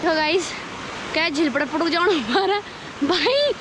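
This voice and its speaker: A woman with a strikingly high voice, bantering and teasing. She is outdoors by a stream, and loud running water and outdoor noise fill the recording around her. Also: normal speed.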